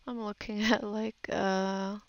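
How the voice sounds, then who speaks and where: A woman talks over her digital painting in an unplanned tutorial, pondering hesitantly as she goes. She speaks slowly in a mid-range voice with a level tone; the recording has no room sound and is lo-fi.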